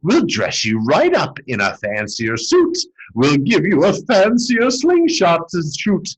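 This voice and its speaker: A man's voice: fairly high pitch, huge pitch swings, unhurried, slightly rough, voice pushed up, full character voice, poor audio. A man voicing a smug, cheery leader in a storybook, breezy, reassuring and boastful. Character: smug, cheery male chief of the Yooks.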